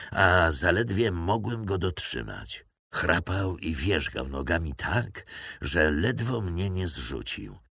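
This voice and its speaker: A man narrating an audiobook in a measured storytelling manner, recorded close on a studio mic. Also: deep voice, vocal fry, a bit bright, slightly rough, no room sound.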